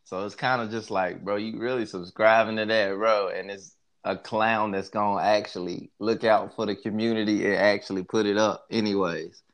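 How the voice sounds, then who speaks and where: A man's voice: lowish voice, steady tone, normal speed, few pauses, a bit bright. A young man chatting casually as a co-host, slangy and joking, in the easy manner of a guy talking with his bros. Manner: laid-back bro talk, slangy, joking.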